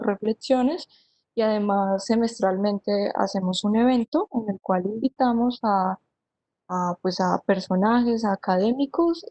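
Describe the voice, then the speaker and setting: A woman's voice: medium pitch, dark tone, dry recording, rough recording. A young woman, a history student giving a careful, somewhat hesitant panel answer over a video call. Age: young adult.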